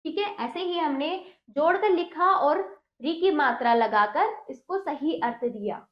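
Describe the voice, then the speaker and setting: Woman, schoolteacher, slow careful reading, questions to kids, roomy muffled recording. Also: high-pitched, expressive. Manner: slow, deliberate dictation-like reading, quizzing children with questions. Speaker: primary school Hindi teacher. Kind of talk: reading a children's textbook lesson aloud and explaining exercises. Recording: roomy, dull lo-fi sound.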